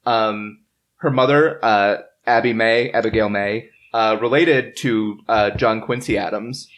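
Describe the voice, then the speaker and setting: A podcast host with a fairly low, fairly bright voice speaks unhurriedly, chatting casually as he reads from notes. His informative talk is peppered with wry, joking asides, and the setting is an in-person group gathered around a table.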